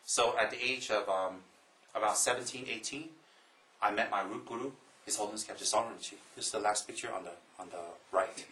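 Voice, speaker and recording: A man from Taiwan, a Buddhist monk, giving a slow, emphatic Dharma talk to an audience, repeating phrases and adding joking asides. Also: lowish voice, sharp tone, roomy sound, low-quality recording.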